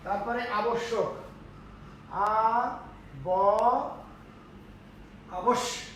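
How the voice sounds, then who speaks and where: A man's voice: high voice, extremely slow, bright, forceful tone, a little hiss or hum. A male teacher giving a classroom lecture on pronunciation, explaining step by step and often checking that students follow. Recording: echoey room, voice from far off.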